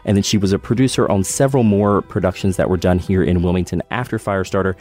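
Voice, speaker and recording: Lower-voiced male podcast host. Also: fairly even intonation, darkish tone, soft background music. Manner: measured, reading script then friendly questions. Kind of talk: scripted narration and interview.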